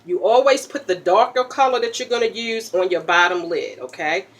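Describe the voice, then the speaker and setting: A woman's voice: mid-range voice, normal speed. Chatty woman popping gum. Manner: chatty, checks in with "okay?" after each step; pops chewing gum while talking. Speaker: makeup tutorial host. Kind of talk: casual makeup tutorial, ASMR style.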